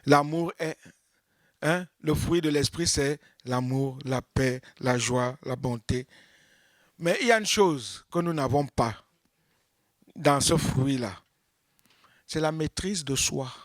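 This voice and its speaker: A man preaching a sermon as pastor, acting out little scenes of churchgoers and swinging from loud exclamations to hushed tones. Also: medium pitch, slow, pauses often, no room sound, studio quality.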